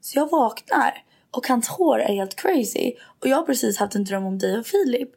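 A woman's voice: on the high side, expressive, gravelly, a little mellow, breathy edge. A young woman from Sweden, co-hosting a podcast, telling stories animatedly and mixing in English and swearing. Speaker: podcast co-host. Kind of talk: casual chat.

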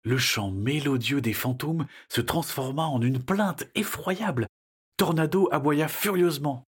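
Husky man narrating a children's story. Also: on the high side, measured pace. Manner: lively storytelling, shifting into character voices.

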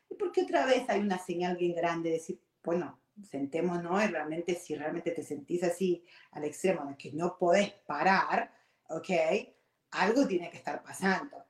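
A middle-aged woman with an Argentine accent telling a personal story to her audience in a candid, confiding way, slipping in English words. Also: lowish voice. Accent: Argentine Spanish. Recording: echoey room.

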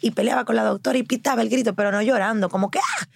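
A woman casually telling a story in a lively way, acting out what others said. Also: a little high, rapid-fire, vocal fry, no room sound, clean studio sound. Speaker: guest.

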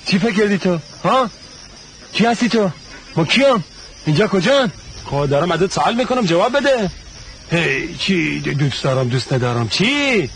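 A man's voice: high-pitched, big pitch swings, vocal fry, fairly bright tone, slight background noise, full character voice. An actor playing a stern, proud clansman who mocks and lectures his cousin, stammering in scorn. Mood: mocking. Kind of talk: TV drama acting.

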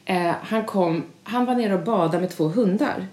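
A woman co-hosting a podcast, telling stories in an animated, chatty way. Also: mid-range voice. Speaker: podcast co-host. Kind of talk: casual chat. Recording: roomy echo.

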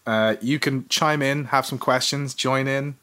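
A man's voice: mid-range voice, steady tone, unhurried, sharp tone. A man co-hosting a casual chat, reading out his essay with earnest, self-mocking energy. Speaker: podcast co-host.

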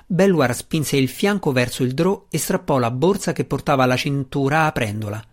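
Reading a fantasy novel as an audiobook narrator, a man speaks at a medium pitch in a steady, measured way.

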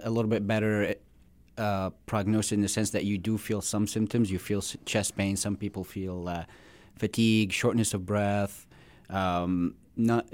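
A man in his thirties from Syria, a cardiologist guest explaining heart conditions in a measured way with frequent hesitations. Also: on the low side, a little mellow. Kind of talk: medical interview.

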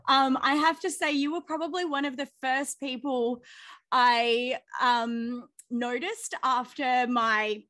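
A woman's voice: high-pitched, fairly even intonation, slow pace, sharp tone, no echo. A woman co-hosting a podcast, chatting in a bubbly, gushing way full of fillers. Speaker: podcast co-host. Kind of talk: casual chat.

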